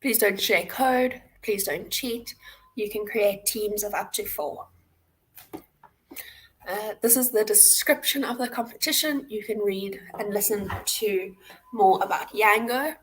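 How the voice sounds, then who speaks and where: On a livestream webcam in an indoor room, a South African woman presents a hackathon platform walkthrough, teaching informally step by step. Her pitch is medium and her pace unhurried, and the rough recording has a slight hiss or hum.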